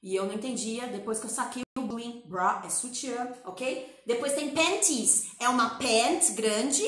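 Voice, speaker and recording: A Brazilian woman teaches an English lesson with energy, drilling words and repeating phrases. Her voice sits high and sounds bright and forward. The room around her rings with a noticeable echo. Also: a little slow. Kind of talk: lively classroom-style language lesson.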